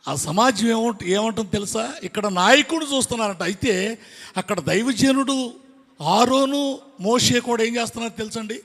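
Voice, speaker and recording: A man preaching an impassioned sermon to his congregation, firing off rhetorical questions and breaking into shouts. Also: very high-pitched, fairly quick. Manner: addresses the congregation directly. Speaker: pastor. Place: church hall with congregation. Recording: long hall reverb.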